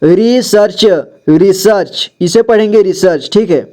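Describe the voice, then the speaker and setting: A man's voice: sits high, steady tone, measured pace, warm tone. A man teaching reading; he says each word twice and spells it out syllable by syllable, in a patient, explaining way. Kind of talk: slow reading lesson, word by word.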